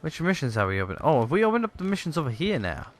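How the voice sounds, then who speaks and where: A man's voice: on the high side, sing-song, racing. A man rambling through let's play commentary with many fillers, hiccuping and a tired voice. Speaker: gaming YouTuber.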